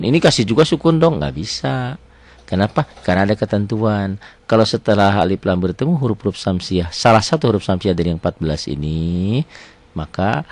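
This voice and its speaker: Male teacher with a lowish voice, patient and step by step, draws out words slowly for demonstration. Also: darkish tone. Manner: patient, explains step by step, asks and answers his own questions; stretches words slowly when demonstrating recitation. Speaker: Quran reading teacher. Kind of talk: teaching lesson.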